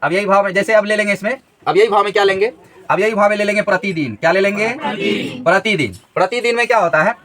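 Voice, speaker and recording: A man's voice: high-pitched, fast, a crowd in the background. A man teaching a grammar lesson in a classroom, repeating each question so the students answer together.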